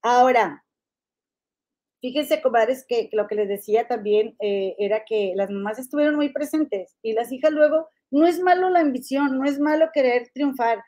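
A woman's voice: on the high side, normal speed, dark tone. A middle-aged woman from Monterrey with a Monterrey Mexican accent, chatting casually as a gossip podcast host and calling her listeners comadres. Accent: Monterrey Mexican Spanish.

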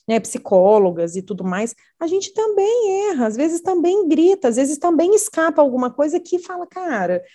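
A woman's voice: high voice, big pitch swings, normal speed, hardly any pauses, dark tone. A middle-aged woman with a Brazilian Portuguese accent, a parent educator talking earnestly and with animation in a conversational interview.

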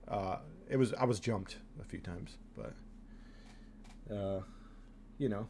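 A man's voice: fairly low pitch, slow pace, vocal fry, darkish tone, slight background noise. Laid-back rambling young man. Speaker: podcast co-host. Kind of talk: casual chat.

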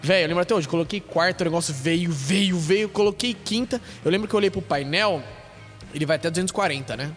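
A Brazilian man who is a podcast guest, telling a story in animated, casual and profane talk and acting out what other people said. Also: sits high, soft background music. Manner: animated, profane, quick-talking; acts out other people's lines.

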